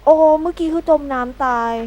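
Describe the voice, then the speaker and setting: A woman giving chatty, excitable let's-play commentary, yelping and shrieking when startled. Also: high voice, a little fast, dull audio. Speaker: gameplay streamer.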